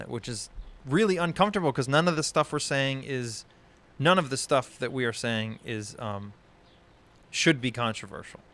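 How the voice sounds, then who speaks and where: A man's voice: mid-range voice, fairly bright tone. A man who hosts a podcast, talking in a casual discussion stream, heated and exasperated, swearing often and rambling with many restarts. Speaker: podcast host.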